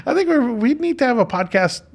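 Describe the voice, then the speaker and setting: A man's voice: very high-pitched, sing-song, brisk, vocal fry, breathy edge. A man hosting a casual podcast interview, talking in a chatty, jokey, informal way. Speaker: podcast host. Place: podcast studio.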